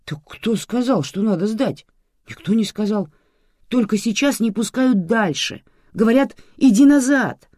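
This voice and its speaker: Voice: mid-range voice, big pitch swings, unhurried, darkish tone, breathy edge, no echo, studio quality, pitched above the performer's own voice. A reader voicing a bewildered, fatherly older man who pleads and exclaims in confusion.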